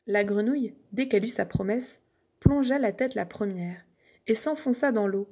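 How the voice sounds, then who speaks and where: A woman reading a fairy tale aloud in steady, expressive storybook narration. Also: fairly high pitch, normal speed, husky.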